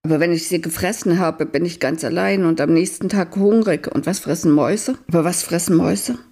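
A woman voicing a lost, hungry man who mutters quick, anxious thoughts to himself. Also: lowish voice, fairly even intonation, mellow. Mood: worried.

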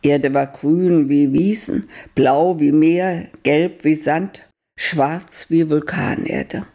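A woman narrating a fairy-tale story in a calm, unhurried reading voice. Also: sits low. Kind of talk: storytelling read aloud.

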